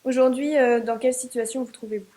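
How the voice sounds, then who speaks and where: Higher-voiced French woman interviewer. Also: steady tone, fast talker, mellow. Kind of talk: prepared interview questions and introduction.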